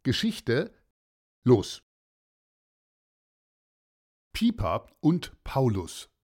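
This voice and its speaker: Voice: medium pitch, husky. A storyteller reading a bedtime story to children, speaking to the listeners directly. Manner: warm, lively, addresses listeners directly.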